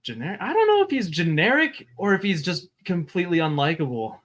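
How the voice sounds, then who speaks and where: A man's voice: high voice, sing-song, brisk, a bit bright. A man co-hosting a podcast in casual chat, riffing in long, playful tangents. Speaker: podcast co-host.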